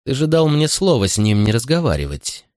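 A man's voice: mid-range voice, big pitch swings, a little fast, a little mellow, no echo, studio quality, pitched above the performer's own voice, lightly acted. A man reading an audiobook voices a cold, domineering father who questions his son bitterly and sternly. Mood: cold, cutting. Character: cold, domineering middle-aged father, a consul. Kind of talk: audiobook character voice.

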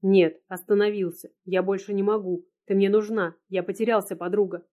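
A woman's voice: mid-range voice, flat delivery, brisk, mellow, lightly acted. A woman reading the lines of a desperate young man who is tearful and pleading, in an audiobook. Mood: despairing. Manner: pleading, choked with despair.

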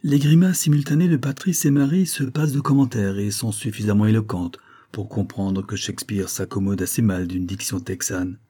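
Mellow, husky male audiobook narrator. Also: lowish voice, normal speed. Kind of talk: scripted narration.

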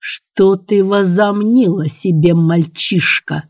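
An audiobook reader voicing an enraged elderly prince, slow and menacing. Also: mid-range voice, flat delivery, gravelly, dark tone, dry recording, clean studio sound. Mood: furious. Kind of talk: audiobook character voice.

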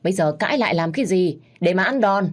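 A woman's voice: lowish voice, animated, fast talker, pitched above the performer's own voice. A woman voicing a sneering young sister who mocks and scolds her sibling. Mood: mocking. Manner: mocking, scolding.

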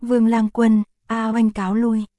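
A calm, kind young lady from a storybook, speaking softly and evenly, as a woman narrator reads her. Her tone is mellow and warm, and the recording is close and dry. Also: a little high, moderate pace, dry recording, close to an everyday voice. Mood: gentle. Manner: soft, gentle, composed.

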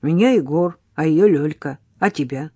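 Blunt grumpy boy, lowish voice, storybook reading by a woman, dry sound. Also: moderate pace, mellow, breathy edge, no echo. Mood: gruff. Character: wary, gruff young boy, older brother.

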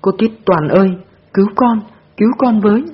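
A man's voice: high-pitched, normal speed, slightly rough, pitched above the performer's own voice. A man voicing a stubborn little girl who lies and cries, her voice strained and pleading. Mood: wailing. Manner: crying, pleading. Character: stubborn lying little girl, tearful and sly. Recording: dull lo-fi recording.

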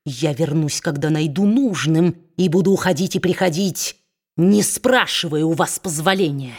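A woman reading aloud, voicing a spiteful, domineering male dwarf who mocks and shouts at his wife. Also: low-pitched, moderate pace, slightly rough. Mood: bellowing. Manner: sneering, bullying, shouting.

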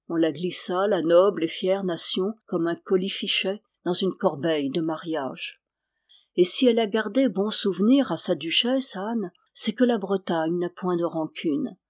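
A woman reading a historical novel aloud in a measured, steady way. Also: on the low side. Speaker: audiobook reader.

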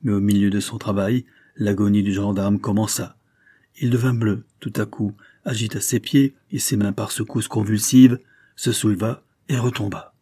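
A man narrating a classic novel as an audiobook in a steady, solemn storytelling manner. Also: lowish voice, moderate pace, husky, no room sound, studio quality. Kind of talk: scripted literary narration.

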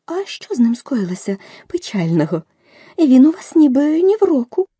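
A woman voicing a curious, polite little girl in an audiobook, speaking earnestly in a soft, breathy half-whisper. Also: sits high, very animated, normal speed, no room sound, clean studio sound, pitched above the performer's own voice. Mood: polite, eager. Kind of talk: audiobook reading.

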